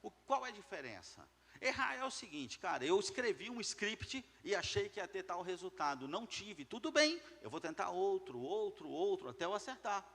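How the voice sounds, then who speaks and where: A business speaker delivers a punchy motivational talk to a live audience of entrepreneurs in a slightly raised, high-pitched, very animated voice that is fairly bright and at normal speed. Emphatic, he hammers his points home by repeating key words and keeps asking the crowd questions, while the long reverb of a large hall rings around him.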